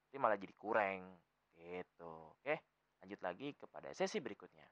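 A man's voice: deep voice, sing-song, normal speed, fairly bright tone, no room sound, highs cut off. A young man from Jakarta with a Betawi accent, hosting a podcast in loose, rambling casual talk full of fillers. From Jakarta, Indonesia. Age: young adult. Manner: loose, rambling, many fillers and self-corrections. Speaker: podcast host.

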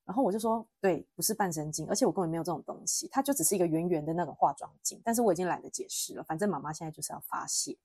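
A young woman with a Taiwanese Mandarin accent, hosting a podcast and telling a family story in a lively way, acting out what her relatives said. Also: on the low side, rapid-fire, few pauses, breathy edge, no room sound. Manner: animated, acts out family quotes, frequent laughter. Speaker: podcast host. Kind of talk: casual storytelling monologue.

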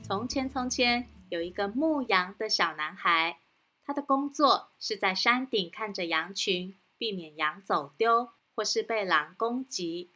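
Bright-voiced woman telling kids' stories. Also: mid-range voice, lively intonation, a little slow. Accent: Taiwanese Mandarin. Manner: gentle, sing-song, addressing children. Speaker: storytelling host. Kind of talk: children's story narration.

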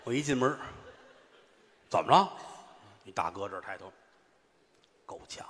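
A man performing crosstalk, telling a story with animated delivery and acting out voices. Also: on the low side, moderate pace, long reverb tail, a little hiss or hum.

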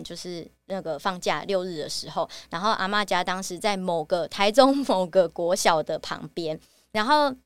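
Reflective Taiwanese woman, smooth and dry. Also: medium pitch, no echo. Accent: Taiwanese Mandarin. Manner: halting and reflective, with many fillers. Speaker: podcast host. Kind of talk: personal storytelling on a podcast.

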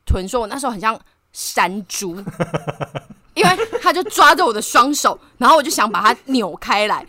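A woman's voice: on the high side, animated, normal speed, sharp tone, no room sound, clean studio sound. A woman co-hosting a casual podcast chat over an online call, telling a story animatedly and laughing often. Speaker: podcast co-host. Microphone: remote online call.

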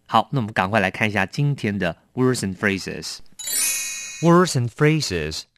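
A man's voice: lowish voice, sing-song, unhurried. A middle-aged man hosting a radio English lesson, explaining each word and repeating it to drill the pronunciation. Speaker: English teacher and program host.

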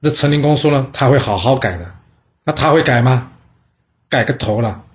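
A man's voice: medium pitch, normal speed, dull audio. Chatty male storyteller. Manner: chatty, lively storyteller voicing characters in dialogue. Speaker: storyteller host. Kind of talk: casual storytelling podcast.

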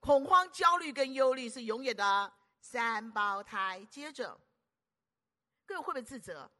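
A middle-aged woman preacher, delivering an animated sermon full of rhetorical questions to the congregation. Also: fairly high pitch, measured pace. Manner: animated, keeps asking the audience rhetorical questions; acts out anxious inner voices and conversations.

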